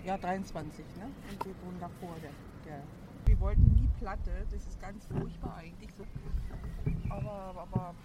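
A woman's voice: medium pitch, steady tone, moderate pace. A woman, chatting frankly in an outdoor street interview and often restarting her sentences. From Berlin, raised in East Germany. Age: 50s. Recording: loud traffic noise outdoors.

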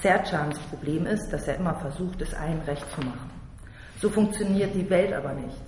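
A man's voice: fairly high pitch, moderate pace, darkish tone. Man, from Berlin, first-person audiobook reading, blunt, slangy, roomy reverb. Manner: blunt, slangy and tough-talking. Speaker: narrator. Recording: roomy hall reverb, faint noise.

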